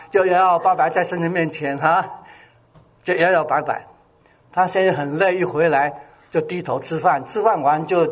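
An older pastor delivers a lively sermon, tossing questions to the congregation and answering them himself. His voice sits high for a man, a little husky, and leaps across a wide range. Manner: call-and-response with the congregation, animated.

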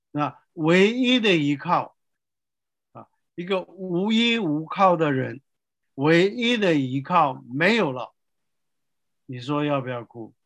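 An older male pastor preaching a sermon slowly and emphatically, asking the listeners rhetorical questions. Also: fairly high pitch, fairly bright tone, dry recording.

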